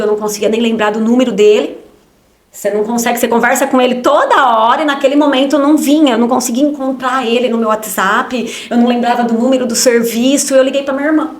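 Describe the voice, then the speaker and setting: A woman, a podcast guest giving an emotional personal testimony in short spoken phrases, often ending with a tag question. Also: on the high side. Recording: roomy echo.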